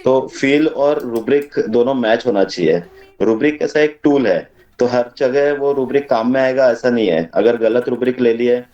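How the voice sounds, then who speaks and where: A man leads a homeopathy group study in a casual teaching discussion, using everyday examples and slipping in English terms. His voice is medium-pitched with a dark tone, and the muffled recording sounds echoey, captured from a distant mic.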